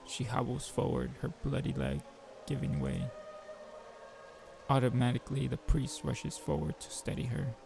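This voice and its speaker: A gravel-voiced man reads a visual novel aloud as a player, slipping informal jokes in between the narrated passages. His mid-range voice has a sing-song lilt at normal speed, with music playing behind him.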